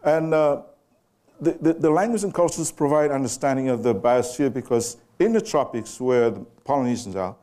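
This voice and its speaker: A man's voice: medium pitch, warm tone. A man from Samoa, giving a public lecture presentation and putting questions directly to the audience. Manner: unhurried, quizzes the audience directly. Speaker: guest lecturer. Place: lecture room with a live audience.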